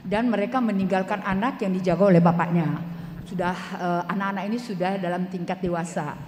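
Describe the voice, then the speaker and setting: A woman's voice: fairly low pitch, fairly even intonation, a little fast, a crowd in the background. A woman from the audience putting a question to the speakers, careful and hesitant. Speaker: audience member asking a question. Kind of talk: question from the floor at a talk. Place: church hall. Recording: echoey hall with long reverb.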